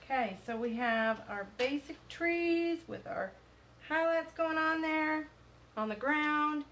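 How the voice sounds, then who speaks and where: A woman's voice: high voice, animated, slow pace, fairly bright tone, slight background noise, rough recording. A woman with a Southern US accent teaching a live-stream painting tutorial, chatty and loose, talking through each step as she works. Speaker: painting instructor. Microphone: phone on live stream.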